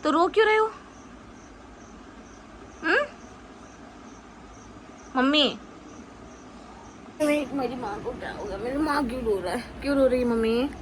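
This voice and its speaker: A young woman chatting casually in a family vlog, gently coaxing and asking the same things again and again. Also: high-pitched, animated, a little slow, long pauses, a little hiss or hum, rough recording. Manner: coaxing, tender, repeats questions. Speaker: vlogger.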